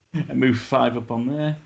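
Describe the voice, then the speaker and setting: A man's voice: mid-range voice, vocal fry. A man playing a board game online, talking through his moves with wry remarks. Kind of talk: casual game-night chat. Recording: dull lo-fi mic.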